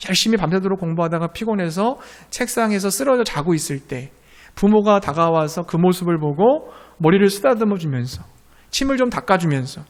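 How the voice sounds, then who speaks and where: Male pastor, high voice, gentle sermon delivery building to fervent appeals.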